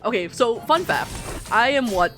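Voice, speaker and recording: Her voice sits on the high side, a bit bright, with lively intonation and a moderate pace. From the Philippines and speaking middle-class Filipino English, she chats casually while streaming a game, talkative, playful, and frequently interrupting herself, with game music playing behind her.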